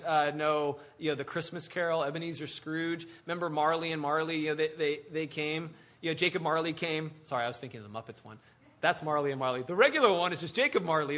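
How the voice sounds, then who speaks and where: Male pastor, fairly high and bright, lively conversational sermon style. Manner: animated, conversational preaching with restarts and asides.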